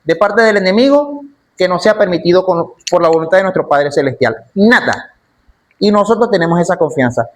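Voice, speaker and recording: A man's voice: high-pitched, expressive, fairly quick. A man teaching a church Bible class in an emphatic way, often repeating his key phrases.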